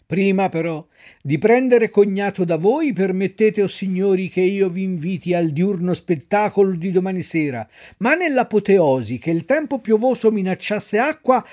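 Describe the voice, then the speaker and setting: A man voicing a boastful male circus ringmaster in a storybook reading, declaiming slowly and grandly. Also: high voice, a little mellow, voice pushed up.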